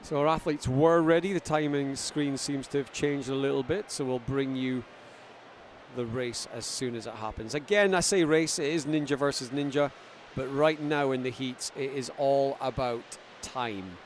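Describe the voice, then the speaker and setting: A Scottish man giving live sports commentary from ringside, getting excited as the action builds. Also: mid-range voice, normal speed, a little hiss or hum. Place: ringside at a busy event venue.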